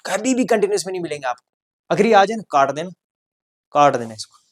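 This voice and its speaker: A male teacher walking students through grammar for their exams. He talks in a joking, animated way, coaxing his class with constant quick questions. One moment he is loud, the next he drops to a soft aside. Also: high voice. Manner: chatty and joking, with lots of rhetorical questions to students. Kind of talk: exam-prep grammar lesson.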